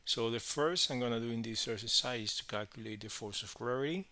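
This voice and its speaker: A physics teacher walks through a worked problem step by step, speaking in halting phrases and checking in verbally again and again. His voice is medium-pitched, bright and forceful.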